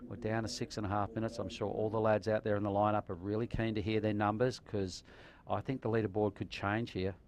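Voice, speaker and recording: Laid-back surf announcer, lowish male voice. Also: darkish tone. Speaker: surf contest live commentator. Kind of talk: live sports commentary.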